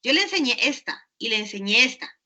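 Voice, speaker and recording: A woman's voice: on the high side, big pitch swings, fairly quick, sharp tone. A woman giving an online university class. She explains patiently and keeps checking in with her students. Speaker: university lecturer.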